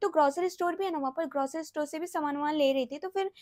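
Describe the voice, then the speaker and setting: High-voiced chatty young woman storyteller. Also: very fast, no echo, clean studio sound. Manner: chatty, drops to a hushed murmur when acting out quotes. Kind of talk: casual storytime vlog.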